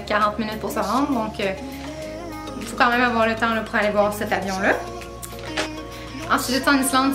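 A woman in her twenties with a Québécois French accent, talking casually to camera about her travels, with lots of filler sounds. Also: medium pitch. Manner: chatty, many filler "euh"s, laughs at herself. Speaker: travel vlogger. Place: small room indoors with string lights and bookshelf. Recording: roomy echo, music behind.

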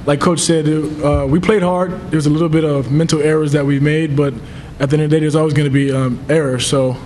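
A young college football player answers at a press table in a fairly high voice. He talks quickly and easily, starting answers with a loose "uh". A faint hiss runs underneath. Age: young adult. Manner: brisk, relaxed, opens answers with "uh". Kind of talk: post-game press conference answers. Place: press room at a table before a sponsor backdrop. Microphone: table mic on a stand.

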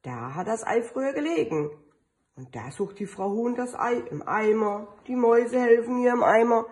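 A woman kindergarten teacher reading a picture book aloud to children, telling the story slowly with sing-song refrains. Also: a little high, animated, a little mellow.

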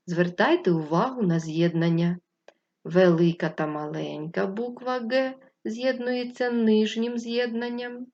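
A woman leads a lesson for young children, talking slowly and clearly and stretching out syllables. Her voice sits a little low, and the recording sounds dull and lo-fi. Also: darkish tone. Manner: patient, speaks to children, draws out syllables. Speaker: primary school teacher. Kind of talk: slow, clear remote lesson for first graders.

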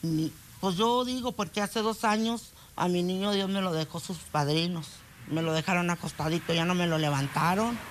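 A woman's voice: fairly low pitch, moderate pace, few pauses, slight background noise. An older woman with a northern Mexican accent, telling a reporter her story with emotion and acting out what her family said. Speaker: interviewee.

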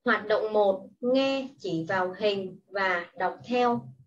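A woman teacher giving patient, step-by-step instructions in a slow classroom style. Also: mid-range voice. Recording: distant, muffled mic with faint hiss.

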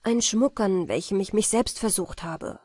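A woman's voice: mid-range voice, measured pace, mellow, breathy edge, dry recording, studio quality. A woman voicing a modest, noble-minded young man who speaks formally and politely. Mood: eager. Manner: formal, polite, old-fashioned speech.

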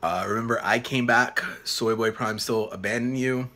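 Speaking with a bright, forceful tone and fairly even intonation, this young man in his late twenties has a mid-range voice. He vlogs casually to a phone camera held at arm's length inside a small apartment room, swearing, halting on fillers, and trailing off.

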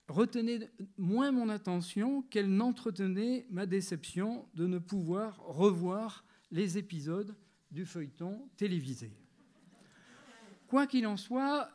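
Speaking as a lecturer at a literary gathering, a man in his sixties reads a prepared talk aloud. His voice is high with a darkish tone, and his measured, literary delivery includes occasional pauses where he hesitates over a phrase.

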